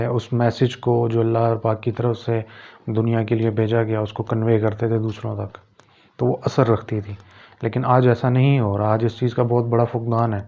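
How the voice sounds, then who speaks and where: Gravelly-voiced man giving a religious talk. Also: medium pitch, lo-fi sound. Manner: measured, with many pauses and hesitations. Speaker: channel host giving an Islamic talk. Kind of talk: explanatory religious talk to camera.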